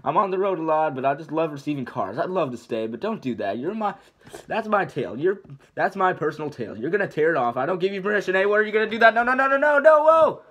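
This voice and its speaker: A man voicing a jittery talking donkey who rambles in a fast, panicky patter. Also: a little high, expressive, slightly rough, voice pushed up. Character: jittery talking male donkey, motor-mouthed.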